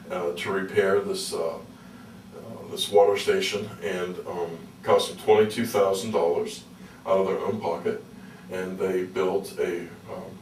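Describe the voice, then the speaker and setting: A man being interviewed, telling stories casually in a halting, folksy way with repeated words. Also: sits low, a little mellow. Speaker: interview guest, activist. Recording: roomy, distant mic with faint noise.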